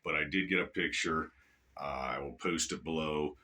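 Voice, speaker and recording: Deep-voiced rambling middle-aged man. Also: moderate pace, pushed and bright. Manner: rambling, swears freely, loose and conversational. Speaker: channel host. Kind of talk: casual storytelling to camera.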